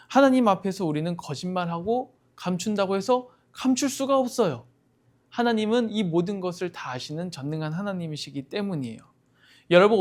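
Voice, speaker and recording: High-voiced man telling children a Bible story. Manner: asks the children questions, explanatory. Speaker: children's ministry preacher.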